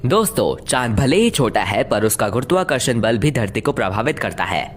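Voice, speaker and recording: Woman doing a deep, lecturing cartoon giant planet. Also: big pitch swings, moderate pace. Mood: firm, explaining. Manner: lecturing, assertive. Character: knowing male gas giant planet Jupiter, big and patient. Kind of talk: animated educational comedy dub. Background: faint background music.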